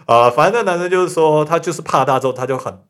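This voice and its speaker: A man's voice: a little high, fairly bright tone, clear, resonant tone. A man, casually retelling a story in a podcast chat, laughing often. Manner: rapid, laughing storyteller, trails off with 这样子. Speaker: podcast co-host.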